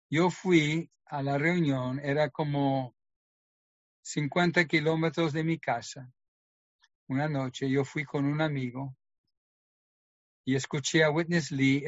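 A man's voice: on the high side, no room sound, lo-fi sound. A middle-aged man giving an earnest personal testimony, acting out the lines of the people in his story. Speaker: testimony speaker.

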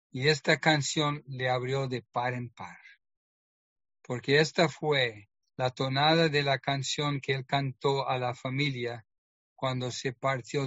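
A man's voice: medium pitch, fairly bright tone, no room sound, dull audio. A man preaching in a church meeting, telling a personal story and acting out the people in it. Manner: storytelling, acts out quoted dialogue. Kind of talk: sermon with personal testimony.

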